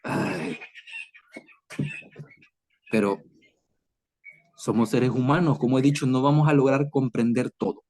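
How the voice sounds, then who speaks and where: Preaching to his chat in a conversational style, a man teaches an online Bible lesson and performs dialogue with Jesus and the scriptures. His medium-pitched voice has a darkish tone, a moderate pace and frequent pauses.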